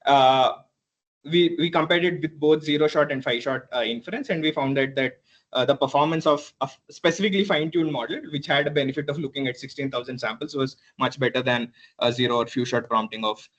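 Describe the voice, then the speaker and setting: A man presenting a PhD thesis defense in a halting, hedging academic way, often repeating words and clearing his throat. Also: medium pitch, a bit bright, muffled recording. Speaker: PhD candidate.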